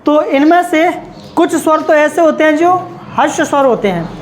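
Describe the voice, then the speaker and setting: In this poor-quality recording with a faint hiss or hum, a male teacher lectures his class in an extremely high, animated voice at a moderate pace. Confident and forceful, he keeps asking "ठीक है?" to make sure students follow, and he claims others have taught it incorrectly.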